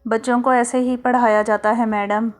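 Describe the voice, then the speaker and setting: A woman's voice: on the high side, level tone, moderate pace, lightly acted. A woman reading a storybook, voicing a harsh male home tutor who speaks curtly and defensively. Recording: soft music underneath.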